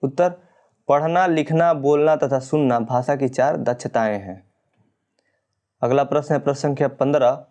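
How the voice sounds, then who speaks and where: A man's voice: medium pitch, dark tone. A male teacher steadily working through exam questions and answers, explaining each point and correcting printed mistakes. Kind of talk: exam-prep lesson reading questions and answers.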